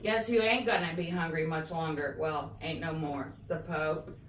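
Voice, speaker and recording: A woman's voice: deep voice, steady tone, moderate pace. A woman co-hosting a podcast, joking and teasing in casual chat, recorded in a garage. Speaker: podcast co-host. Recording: echoey garage, far from mic, faint noise.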